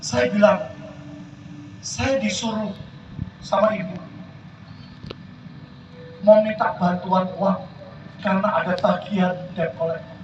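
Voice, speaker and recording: Older preacher telling his story, really high voice, echoey pa from far off. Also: steady tone, slow pace, long pauses, muffled recording, a little hiss or hum. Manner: dramatic storytelling, addresses crowd directly. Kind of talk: sermon testimony. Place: outdoor field event.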